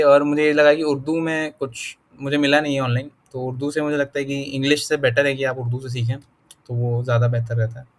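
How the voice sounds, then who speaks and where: A man reading through a beginner Arabic lesson and explaining each word, thinking aloud with pauses and fillers, slowing to sound out words and mixing in English terms. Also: mid-range voice. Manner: mixes English words into his talk. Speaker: self-taught Arabic learner teaching.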